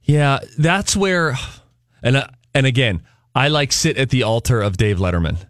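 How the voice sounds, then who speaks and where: A man's voice: medium pitch, expressive, normal speed, fairly bright tone, no echo. A man co-hosting a talk show speaks in a mid-range voice, earnest and reflective, building toward preachy emphasis. His voice is close and dry on a studio mic, with no room sound. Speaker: radio show co-host. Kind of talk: casual talk-radio chat.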